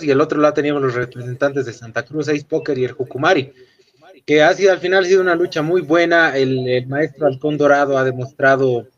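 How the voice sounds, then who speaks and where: A man giving wrestling commentary as a panelist, recapping matches and repeating phrases as he explains. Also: mid-range voice. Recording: dull, lo-fi voice sound.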